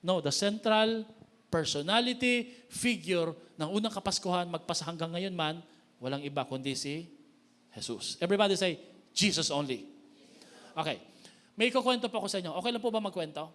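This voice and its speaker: Filipino pastor preaching, high bright voice, jokey and lively with the crowd. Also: male voice, a little fast. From Philippines. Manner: lively, joking, calls on the congregation. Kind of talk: sermon.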